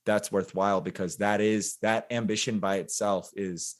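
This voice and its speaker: A man in his forties with a lowish voice, guesting on a podcast. He speaks in a relaxed, thoughtful way, circling his points with plenty of fillers. He often laughs at himself along the way. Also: moderate pace. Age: 40s. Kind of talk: casual interview conversation.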